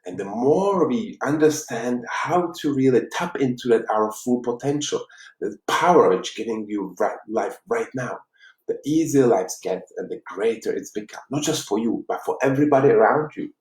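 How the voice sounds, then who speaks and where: A man from the Czech Republic with a Czech accent, a life coach giving an earnest, halting motivational talk on a live stream. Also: medium pitch, lively intonation, darkish tone. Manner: earnest, halting, with frequent restarts. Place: room in Los Angeles. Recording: roomy, distant mic.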